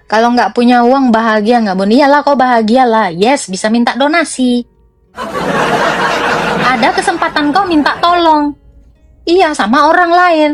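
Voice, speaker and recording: A woman's voice: sits high, measured pace, pauses often, music in the background. A young woman preaching in a blunt, teasing rant that mixes slang with scripture.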